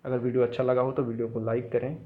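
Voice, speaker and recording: A man in a teaching role works through a spelling lesson for exam prep. He explains patiently and repeats each wrong and right form, gesturing toward written words as he goes. His voice sits at a middle pitch, and the recording sounds somewhat muffled and lo-fi. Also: flat delivery, fast. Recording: dull lo-fi sound.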